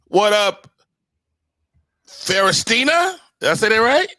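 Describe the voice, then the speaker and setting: A man hosting a casual live show, chatting informally with upbeat, slangy shout-outs. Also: fairly high pitch, moderate pace. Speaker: show host.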